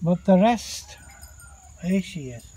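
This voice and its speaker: High-voiced man chatting slowly to camera. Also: animated, warm tone, husky. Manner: chatty, swears mildly, calls out to dogs. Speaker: vlogger. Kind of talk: casual vlog chat. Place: outdoors by a pool.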